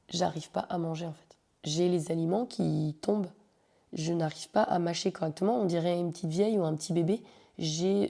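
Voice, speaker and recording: This is a woman hosting her own podcast, recounting a personal story in a loose, conversational monologue. Her voice sits low and has a gravelly edge with a mellow, dark tone. She keeps it humorous and slangy, addressing her listeners directly. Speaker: podcast host.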